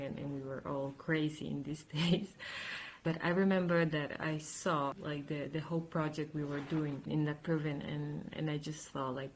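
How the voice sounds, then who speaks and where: A woman of Italian and Chilean background, a screenwriter and producer, recalling an exhibition with halting, repeated words. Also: sits low, slight background noise, rough recording. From Italy and Chile. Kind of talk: interview testimony.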